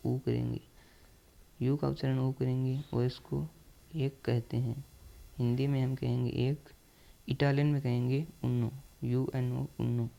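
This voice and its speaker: Teacher, male: gravelly, dark voice, repeats and spells out each word. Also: medium pitch, level tone, a little slow, long pauses. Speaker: language teacher. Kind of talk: slow, repetitive counting lesson.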